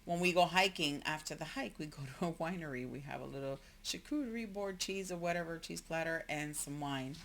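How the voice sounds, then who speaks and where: A woman's voice: low-pitched, brisk, hardly any pauses, fairly bright tone, a little hiss or hum. A woman in her forties co-hosting a couple's podcast, rambling chattily and laughing often. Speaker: podcast co-host. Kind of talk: casual couple chat.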